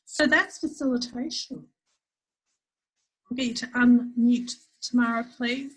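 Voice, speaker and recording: An Australian woman runs an online workshop over a video call as a webinar facilitator, standing in her home office. She's chatty and often restarts sentences mid-explanation, her voice on the high side, steady and unhurried with a breathy edge. The recording quality is low.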